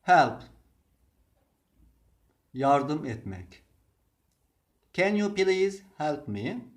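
A man teaching English vocabulary, reading each word and example sentence slowly and deliberately. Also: on the high side, very animated. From Turkey. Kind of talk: slow vocabulary lesson.

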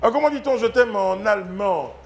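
Animated high-voiced male game show host. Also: a little fast, slight background noise. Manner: playful, joking, mock German accent. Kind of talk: lively TV game show hosting. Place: TV studio set. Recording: music playing behind. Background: music.

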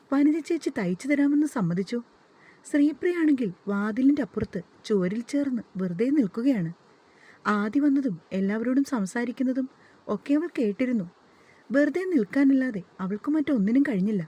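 A woman narrating a family story, gently voicing the relatives' lines now and then. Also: a little high, breathy edge. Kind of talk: scripted story narration with dialogue.

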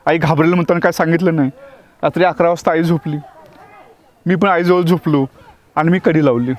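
A man's voice: on the high side, fairly even intonation, fairly quick, a little mellow. A man who teaches acting tells a personal devotional experience as a story. He talks vividly, acts out the dialogue, and often restarts his words.

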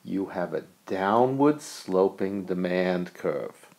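A man's voice: low-pitched, slow, gravelly. A middle-aged man, an economics professor, giving a recorded video lecture in a playful, jokey way. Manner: playful, animated, jokey asides. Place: US college.

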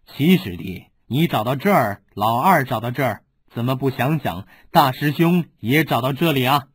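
A man's voice: mid-range voice, expressive, normal speed, breathy edge. A man voicing a scheming, cruel older swordsman who gloats over a captured rival. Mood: gloating. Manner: sneering, gloating.

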